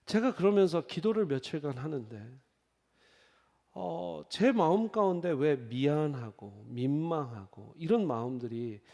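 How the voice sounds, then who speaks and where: A male pastor preaches with a fairly high voice that rises and falls widely as he tells stories. He acts out the people he quotes. A long reverb fills the church behind him. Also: unhurried, vocal fry. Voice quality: lively storytelling with quoted voices. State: on crutches after leg surgery. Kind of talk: sermon. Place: church sanctuary.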